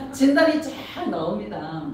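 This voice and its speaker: A middle-aged woman pastor preaching an animated sermon, laughing often and asking the congregation questions. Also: a little high, slight background noise. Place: church sanctuary. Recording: echoey church from a distance.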